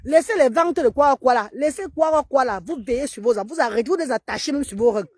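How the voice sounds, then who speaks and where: Earnest husky woman on a phone livestream. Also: sits high, lively intonation, quick pace, a little mellow, no echo. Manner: earnest, urging other mothers. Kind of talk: casual livestream talk. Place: outdoors in a park.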